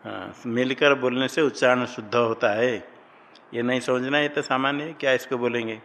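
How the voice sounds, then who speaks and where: A man's voice: mid-range voice, steady tone, moderate pace, fairly bright tone, a little hiss or hum. A man teaching Sanskrit grammar in a classroom lecture, asking questions and answering them himself. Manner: explains by asking and answering his own questions, has students recite. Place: classroom with students. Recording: long hall reverb.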